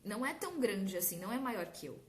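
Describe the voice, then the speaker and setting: A young adult woman from Brazil giving a casual, animated talk to an audience, often acting out her own inner critic. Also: medium pitch, fast talker. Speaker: course host.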